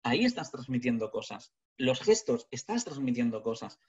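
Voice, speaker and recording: Animated man giving a lo-fi webinar. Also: mid-range voice, moderate pace, husky. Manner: animated, rhetorical questions. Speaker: communication trainer. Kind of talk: webinar talk. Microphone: webcam video call. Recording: dull lo-fi webinar audio.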